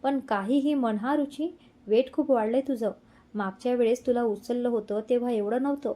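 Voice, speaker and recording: A man's voice: very high voice, steady tone, moderate pace, mellow. A woman reading as a teasing young husband. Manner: affectionate, playful teasing.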